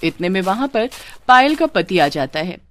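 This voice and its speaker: A woman narrating a cartoon moral story in an even, explanatory storytelling manner. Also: medium pitch, moderate pace.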